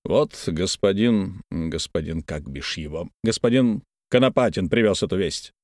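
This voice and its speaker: A man plays a self-important official in a storybook reading, handing out orders with lofty condescension. The voice has lively swings and a close, dry sound. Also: low voice, measured pace, no echo. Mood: curt. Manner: commanding, condescending.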